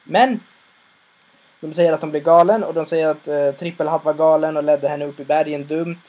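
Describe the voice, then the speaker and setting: A man's voice: fairly high pitch, steady tone, a little mellow. Rambling man recapping a story. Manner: rambling, many fillers and restarts. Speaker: episode recapper.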